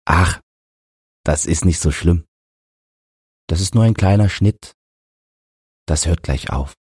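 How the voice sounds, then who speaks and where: A man playing a gentle, helpless father who talks in a soothing, apologetic way. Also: sits low, takes it slowly, slightly rough, no room sound, clean studio sound, full character voice.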